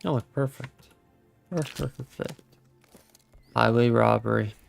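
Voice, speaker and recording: A man's voice: medium pitch, a little slow, gravelly, faint music behind. A man streaming a game, muttering to himself and reading out dialogue choices as he plays. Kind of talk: gameplay commentary.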